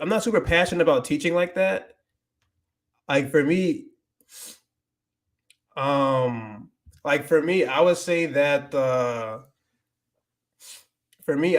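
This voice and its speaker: Hosting a casual livestream, a young man with a slightly high voice answers viewer questions in a loose, rambling manner, full of restarts and filler words. He slips into Spanish at times, and there his Dominican accent comes through.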